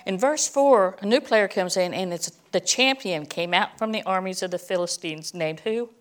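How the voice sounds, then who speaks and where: A woman's voice: fairly low pitch, normal speed, fairly bright tone. Chatty middle-aged woman teaching scripture. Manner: chatty, with joking asides. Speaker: Bible teacher. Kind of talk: sermon-style Bible teaching.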